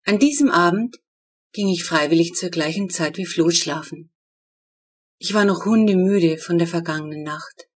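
A woman reading her own children's book aloud in lively storyteller narration. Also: lowish voice, husky. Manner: lively storytelling, voicing the characters.

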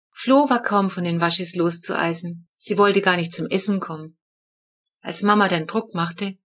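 Female narrator for a kids' audiobook, lively, clear delivery. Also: medium pitch. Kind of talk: scripted narration.

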